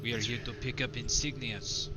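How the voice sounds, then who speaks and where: A man voicing a blunt, menacing female alien adventurer in a flat, matter-of-fact way. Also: mid-range voice, moderate pace, noisy background, lightly acted.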